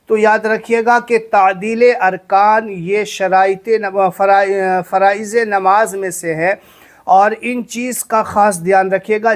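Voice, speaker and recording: A man teaching a prayer recitation, chanting it slowly and drawn out, then correcting pronunciation in quicker spoken asides. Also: high voice. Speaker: religious teacher. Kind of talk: recitation lesson.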